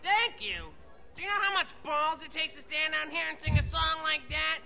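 An actor playing a cocky, foul-mouthed wannabe singer in a video game, shouting his boasts. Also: very high-pitched, unhurried, gravelly, soft background music, some chatter behind, full character voice.

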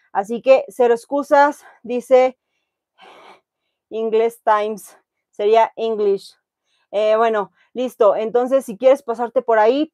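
A young woman leading a live-streamed workout, her voice a touch high and close to a clip-on mic. The sound is dry with almost no room echo. She counts breaths calmly and then chats brightly with her viewers. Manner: calm guided counting during breathing; upbeat encouraging sign-off. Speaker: fitness instructor. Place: bedroom with pink curtains, indoors. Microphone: clip-on lapel mic.

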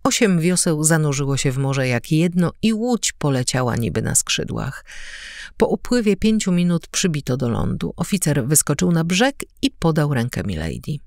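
Female audiobook narrator, lively varied pitch, dry close sound. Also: normal speed, dry recording. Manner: expressive, varied reading.

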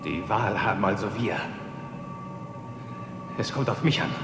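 A man's voice: lowish voice, expressive, unhurried, background noise. A man in his thirties playing a desperate, defiant husband in a dubbed horror film, impassioned and emphatic. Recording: echoey hall, film music behind.

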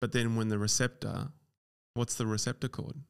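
A low-voiced man co-hosting a medical podcast. His voice has a gravelly edge over a smooth, resonant core, and he explains things plainly and matter-of-factly. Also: flat delivery, a little fast. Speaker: podcast co-host, doctor. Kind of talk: casual educational chat.

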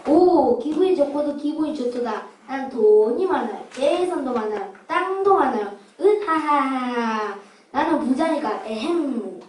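A woman's voice: high voice, animated, unhurried, darkish tone. A woman playing an arrogant, cruel old rich man in a children's puppet play, with pompous, mocking villain bluster. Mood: gloating, scornful. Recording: roomy, distant miking with background hiss.

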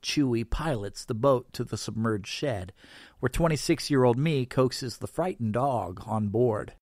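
Man, first-person audiobook narration, weary, lively pitch, very slow. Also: no room sound, studio quality. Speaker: narrator reading his novel.

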